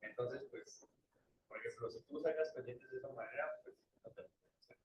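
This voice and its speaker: A man's voice: mid-range voice, a little fast, highs cut off, over a noisy crowd. Distant man answering from the audience. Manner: hesitant, many fillers, laughs while talking. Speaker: workshop participant. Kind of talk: answering in a group discussion. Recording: echoey room, far from the mic.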